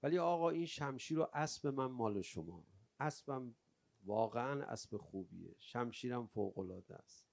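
A male preacher telling a religious story in a sermon, rising from quiet storytelling into loud, lamenting cries. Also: mid-range voice, expressive, gravelly. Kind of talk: Shia mourning sermon.

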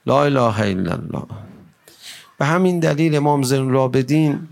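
A man's voice: mid-range voice, expressive, gravelly, darkish tone. A man giving an emotional religious mourning recitation to a gathering, pleading and impassioned, at times rising into a chant.

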